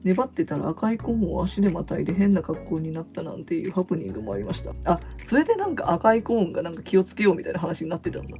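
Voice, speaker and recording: A woman vlogger who reads out short fan notes, comments on each one and gushes excitedly, laughing often. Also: fairly low pitch. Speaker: vlogger reading fan reports. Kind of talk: casual fan chat.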